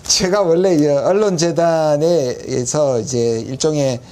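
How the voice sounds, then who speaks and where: A man's voice: on the high side, slow pace, warm tone, slight background noise. A man, a professor giving a conversational on-site report and commentary in an explanatory, lightly self-mocking way. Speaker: professor acting as field correspondent.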